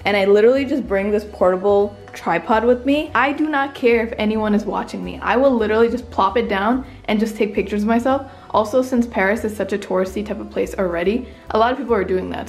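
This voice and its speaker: A woman in her 20s chats informally to camera as a vlogger, using youthful, chatty phrasing. She talks fast with a medium-pitched, creaky voice over soft background music.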